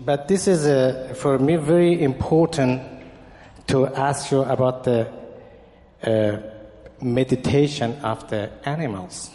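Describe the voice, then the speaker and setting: A man's voice: medium pitch, steady tone, warm tone. Hesitant man from Iran, hall echo. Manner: hesitant, simple phrasing, halting. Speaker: audience member asking a question.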